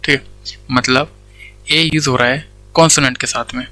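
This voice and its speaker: A man's voice: mid-range voice, steady tone, normal speed, sharp tone, faint music behind, poor audio. A man with an Indian accent teaching English grammar in a Hindi-English mix, asking questions and answering them himself step by step. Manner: explains step by step, asks questions and answers them himself, says "theek hai" often. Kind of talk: Hindi-English classroom lecture.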